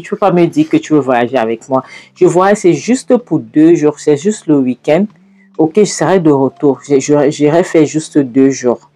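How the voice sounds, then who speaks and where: An impatient, scolding mother repeats herself in sharp, exasperated bursts, voiced by a woman. Her voice is warm and rather low, and faint music plays behind her.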